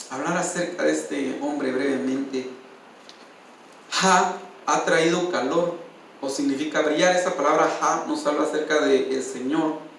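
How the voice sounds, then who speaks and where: In a church, a male pastor preaches a sermon and shares a heartfelt personal testimony, often calling out to listeners as "brother." His voice is a little high, with slight background noise, and the recording sounds distant and echoey, like a church hall.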